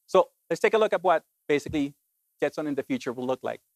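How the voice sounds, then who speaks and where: A middle-aged man from Colombia giving an animated, emphatic talk to an audience as a keynote speaker, often saying "basically". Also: fairly high pitch, fast, no room sound.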